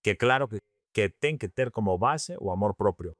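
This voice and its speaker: A man's voice: on the low side, lively intonation, moderate pace, fairly bright tone, no room sound, studio quality. A man hosting a podcast, reflecting aloud and asking thoughtful follow-up questions. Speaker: podcast host. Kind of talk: podcast conversation.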